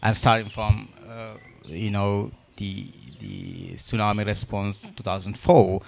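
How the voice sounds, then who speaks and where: Male panel guest, low creaky voice, measured and halting, reflective answers. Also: flat delivery. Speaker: panel guest, former humanitarian worker.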